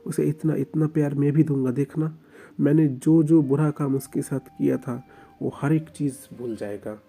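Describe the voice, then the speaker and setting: A man plays a regretful mother-in-law in a spoken romance story. She speaks earnestly, in the narrator's dark, warm voice. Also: fairly high pitch, steady tone, moderate pace, creaky, husky. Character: remorseful mother-in-law, mafia family matriarch.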